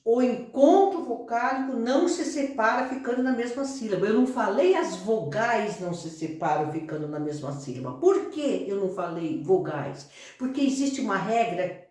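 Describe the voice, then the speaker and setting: A Brazilian woman teaching a grammar lesson, explaining slowly, repeating herself and often checking that the class follows. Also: a little high, big pitch swings, warm tone. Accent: Brazilian Portuguese. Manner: explains slowly with frequent check-ins and repetition. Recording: echoey room, voice far from mic.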